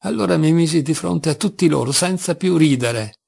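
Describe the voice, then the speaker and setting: A man reading a classic novel aloud as an audiobook, measured and expressive, with dramatic pauses. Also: a little high, creaky, husky. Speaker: audiobook reader. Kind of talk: literary audiobook narration.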